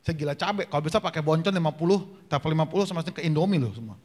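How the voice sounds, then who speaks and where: A man from North Sumatra, with a high voice, preaches a joking testimony at a church prayer meeting. He tells his stories like a comic, jumping into other people's voices for the dialogue. His voice sounds a little worn. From North Sumatra, Indonesia. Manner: jokey storyteller, acts out dialogue with quick voice changes. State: slightly worn voice. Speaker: gospel singer and preacher. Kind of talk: humorous testimony sermon.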